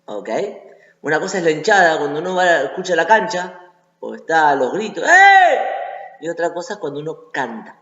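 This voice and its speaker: Teaching an online voice lesson, a Rioplatense-accented man walks through each step and frequently checks in with the listener. He talks fairly quickly in a fairly high, fairly bright voice, recorded lo-fi in an echoey room.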